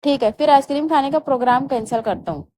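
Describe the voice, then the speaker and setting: A woman's voice: high voice, fast, dark tone, a little hiss or hum, close to an everyday voice. A woman voicing a young newlywed husband who scolds and coaxes his wife by turns, in a storybook reading. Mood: coaxing. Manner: scolding, then coaxing. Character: young newlywed husband, stern yet doting.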